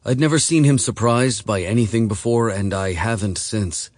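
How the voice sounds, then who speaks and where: Low-voiced male audiobook narrator. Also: moderate pace, a little mellow, dry recording. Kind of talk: scripted narration.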